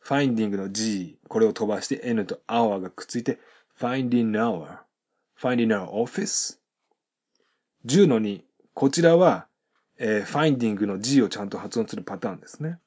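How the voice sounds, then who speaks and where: A man teaching English pronunciation in an explanatory lesson, reading model sentences slowly and carefully between quick explanations with many fillers. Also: on the low side, expressive, darkish tone, breathy edge.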